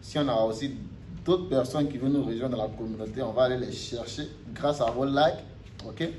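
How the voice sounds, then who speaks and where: A man's voice: mid-range voice, a little fast, darkish tone. Chatty man, casual lesson, frequent "ok?" check-ins, a little far from the mic, faint background noise. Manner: chatty, checks in with "ok?" after nearly every point. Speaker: Mandarin teacher on a video channel.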